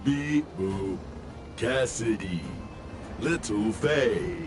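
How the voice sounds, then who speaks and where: An actor voicing a simple, homesick male robot in a video game, speaking in a flat robotic way and calling himself by name. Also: on the low side, drawn-out words, noisy background. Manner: flat robotic speech, says beep boop, talks of itself by name.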